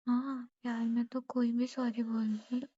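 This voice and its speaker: A young woman speaks softly on a phone call, her voice breathy and warm, a little high. She teases gently and often sinks almost to a whisper. The sound is dull and muffled, like a phone line. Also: level tone, moderate pace, no echo. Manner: soft-spoken, teasing, often near a whisper. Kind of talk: intimate phone conversation.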